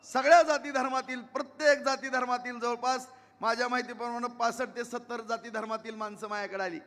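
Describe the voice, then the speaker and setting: A man's voice: very high voice, fairly even intonation, brisk, fairly bright tone, long reverb tail. A man giving an emphatic campaign rally speech as an election candidate, repeating himself and pleading with the crowd. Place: outdoor public rally.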